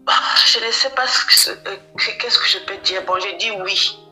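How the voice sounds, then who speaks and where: A woman in her forties calling a prophet, talking in a hesitant, halting, apologetic way. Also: mid-range voice, pushed and bright, slightly rough, soft background music. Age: 40s. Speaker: caller.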